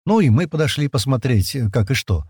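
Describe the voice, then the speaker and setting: A man's voice: medium pitch, sing-song, fairly quick, darkish tone, breathy edge, dry recording, studio quality. A man reading a first-person adventure story in a colloquial, storytelling way. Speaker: narrator. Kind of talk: first-person audiobook narration.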